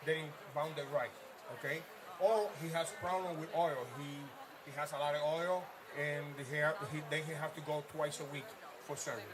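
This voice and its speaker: Emphatic stylist with a Spanish accent. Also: male voice, a little high, steady tone, moderate pace, crowd noise, low-quality recording. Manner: emphatic, instructive, slips into Spanish. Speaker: hair replacement stylist. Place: busy trade-show floor.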